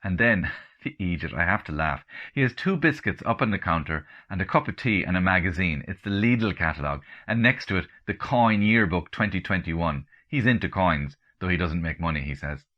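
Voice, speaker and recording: A man with an Irish accent giving a comic first-person reading, telling the story dryly with deadpan asides. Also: deep voice, normal speed, lo-fi sound. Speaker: comedian and author reading.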